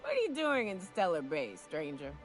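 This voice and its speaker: A boozy, swaggering frontier hunter. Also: female voice, on the low side, wildly swooping pitch, moderate pace, soft background music. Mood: tipsy bargaining. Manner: boozy, rambling, drawling folksy delivery with stumbles. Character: drunk, swaggering frontier woman monster hunter, crude and folksy. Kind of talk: video game dialogue acting.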